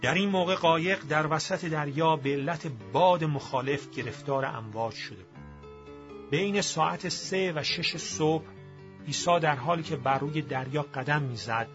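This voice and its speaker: A man reading scripture aloud as scripted narration, in a measured and expressive storytelling manner. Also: on the high side. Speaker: scripture reader. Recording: slightly muffled with faint music.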